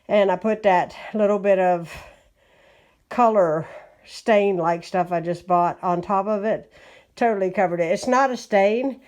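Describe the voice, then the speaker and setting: Slightly breathless, a woman with a West Virginian accent talks casually at home about a wood-care job she's done and the product she recommends. Her voice is mid-range and darkish, and she speaks a little slowly. She's a home vlogger, recording indoors.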